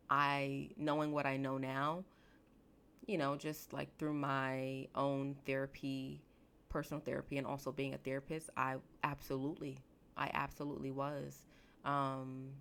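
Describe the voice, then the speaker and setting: A woman in her late twenties, a therapist hosting her podcast, reflecting slowly and emotionally with halting restarts. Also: extremely low pitch, monotone, creaky, fairly bright tone. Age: late 20s. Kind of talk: reflective solo podcast talk.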